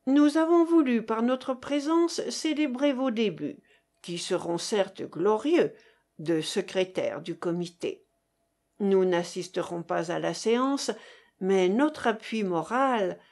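A woman's voice: medium pitch, slow, darkish tone. A woman voicing a tall bearded young man who teases his colleague in a mock-solemn, gallant way.

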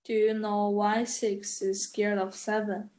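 A woman's voice: mid-range voice, flat delivery, measured pace, darkish tone, poor audio. A woman student in an online English lesson, reading sentences aloud carefully. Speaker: ESL student.

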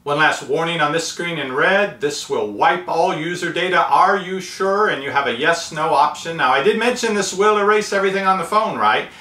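This tech channel host, a man in his fifties, explains a how-to step by step from a table in a small room, his slightly high voice carrying a sharp tone. He moves at a moderate pace with hardly any pauses, and the recording has a roomy indoor echo.

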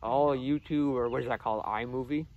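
A man's voice: medium pitch, steady tone, fairly quick, narrow, tinny audio, very noisy. A man vlogging in casual chat, talking around a pipe in his mouth in a laid-back, chuckling way.

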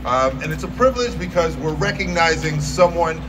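A man's voice: fairly high pitch, lively intonation, brisk. A man hosting an outdoor ceremony as MC, addressing a crowd from a podium with informal, joking asides. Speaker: master of ceremonies. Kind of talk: public ceremony speech with casual asides. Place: outdoor stage, recorded from back in the audience. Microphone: podium microphone, picked up by a distant camera. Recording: distant, very noisy outdoor audience recording.

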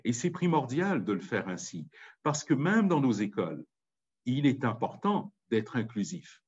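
Husky Parisian man giving a passionate talk. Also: medium pitch, big pitch swings, unhurried, a little mellow, highs cut off. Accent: Parisian French. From France. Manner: impassioned, emphatic, insistent. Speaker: speaker. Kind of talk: public talk on language and community.

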